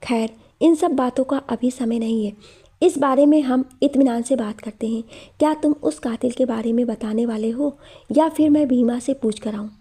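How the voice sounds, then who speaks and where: Woman reading as a worried storybook father, urgent and reassuring, high soft voice. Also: normal speed, husky. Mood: earnest. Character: worried father soothing his son.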